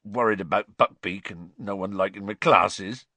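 A man voicing a huge, tearful male groundskeeper who talks in a rough dialect. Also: normal speed, bright, forceful tone, no echo. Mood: gloomy. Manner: rough dialect speech, low and mournful.

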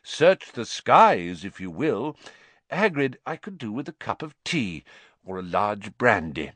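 A man voicing a calm old professor in an audiobook, unhurried and quietly amused. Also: on the low side, slightly rough, dry recording, heavily acted. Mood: wry amusement.

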